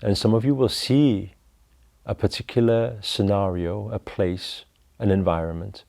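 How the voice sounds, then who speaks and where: A man leading a guided breathing meditation, talking slowly and calmly through each step. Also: lowish voice, vocal fry. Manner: slow, calm, instructive.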